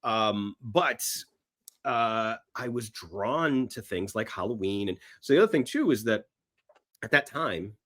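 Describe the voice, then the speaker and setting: Guesting on a podcast, a middle-aged man talks films in a relaxed, casual way, his voice low-leaning, animated, unhurried and slightly bright. He rambles with enthusiasm and keeps circling back to the same phrases.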